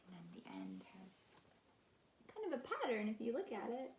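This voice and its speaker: A woman speaking in a kindergarten teacher voice, reading and explaining a picture book to young children in simple phrases with deliberate pauses and emphasis. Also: fairly high pitch, sing-song, creaky, a little mellow. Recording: roomy echo, faint background noise.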